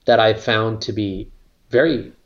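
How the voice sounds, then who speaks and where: A man's voice: on the low side, steady tone, a little slow, highs cut off. A man, a company co-founder, talking casually in an interview, rambling with lots of fillers and some casual swearing.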